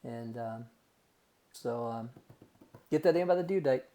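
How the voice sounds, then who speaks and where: A man with a mellow, mid-range voice teaches a recorded math lesson at a measured pace. He works through the calculations step by step in a folksy manner, addressing his students as "guys" and "gang."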